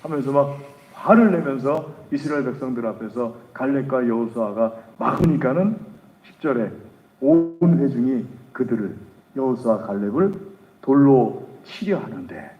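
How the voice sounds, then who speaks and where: A man's voice: medium pitch, mellow, echoey room, recorded from a distance, rough recording. A man preaching a sermon as pastor, telling the story dramatically and acting out the quoted voices. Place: church sanctuary.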